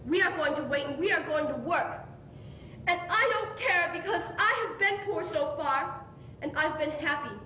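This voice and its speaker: A woman's voice: lively intonation, moderate pace, sharp tone. A woman in an amateur stage play acting an earnest, proud, easily flustered young woman in love. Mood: defiant. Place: theatre stage, indoors. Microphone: far camera. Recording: noisy, rumbling, echoey distant stage recording.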